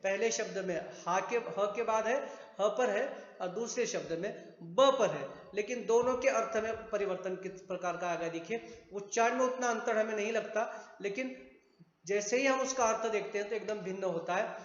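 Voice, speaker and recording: A man's voice: high-pitched, moderate pace. A man teaching a grammar lesson at a board, patient, repeating words and spelling out their sounds. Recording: echoey room, dull sound.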